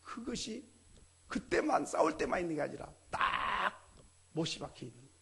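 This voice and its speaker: A man preaching a sermon as a pastor, animated, acting out family dialogue. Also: high-pitched, moderate pace, vocal fry, slightly rough.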